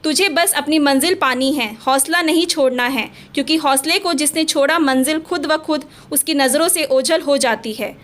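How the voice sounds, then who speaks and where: A woman voicing a hardworking, devoted mother-in-law who speaks in a gentle, encouraging way. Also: high-pitched, normal speed, few pauses.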